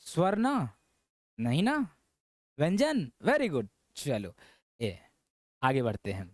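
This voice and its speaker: Guy teaching english grammar, highish voice, keeps going "है ना" and quizzing you, dry close sound. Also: darkish tone, clean tone, no room sound. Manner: repetitive, checking in with "है ना" and quizzing the viewer. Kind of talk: classroom-style lesson.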